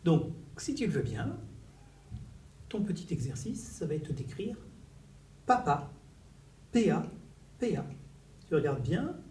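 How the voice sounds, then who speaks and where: A man gives a reading lesson to young children, his voice high and lively as it rises and falls in a sing-song way. He speaks slowly and stretches out each syllable. He is recorded in an echoey classroom a little away from the mic, with faint noise behind him. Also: recorded from a distance. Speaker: teacher.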